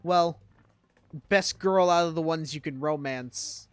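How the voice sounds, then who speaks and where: A young adult woman streams a video game, giving casual, jokey live commentary packed with rambling asides. Her voice is low and smooth, and she takes her time, with video game music in the background.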